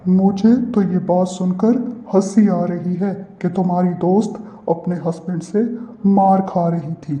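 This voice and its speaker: A man's voice: sits high, flat delivery, unhurried, dark tone. A man voicing a bragging young man in a cartoon who mocks and teases constantly. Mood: mocking. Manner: mocking, bragging. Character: boastful, teasing young man who calls himself handsome. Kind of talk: cartoon voice acting. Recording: roomy, dull lo-fi recording.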